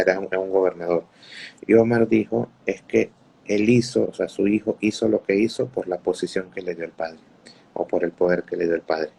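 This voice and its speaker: A male preacher telling religious stories to listeners in an unhurried way, often repeating words while he searches for the next one. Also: deep voice, vocal fry, a little mellow, husky. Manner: greets listeners mid-talk. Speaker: Islamic preacher. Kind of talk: religious storytelling talk.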